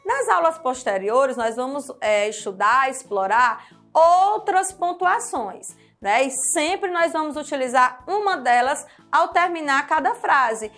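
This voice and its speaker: A woman from Brazil teaching a remote lesson to young children, slow and sing-song, with exaggerated rising questions. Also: high voice, expressive, fairly bright tone, faint music behind. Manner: speaks of herself in the third person as "[name]".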